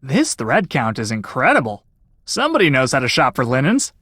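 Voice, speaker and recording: An actress playing a quirky, quick-witted young heroine in a video game, with a wry, cheeky manner. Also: female voice, extremely low pitch, huge pitch swings, fairly bright tone, no echo, studio quality, heavily acted. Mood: wry, amused. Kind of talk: video game character acting.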